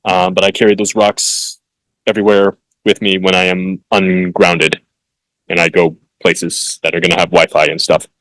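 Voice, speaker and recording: A man hosting a solo podcast, reading passages haltingly with fillers and restarts, then breaking off into blunt, hectoring asides with some swearing. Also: low voice, little pitch movement, a bit bright, no echo, poor audio. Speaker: podcast host.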